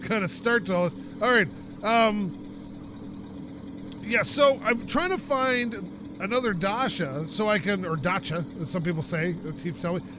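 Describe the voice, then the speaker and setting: Casually joking and rambling through asides while he plays, this gaming video host from North America has the sniffles. His voice is high, and there's background noise in the recording.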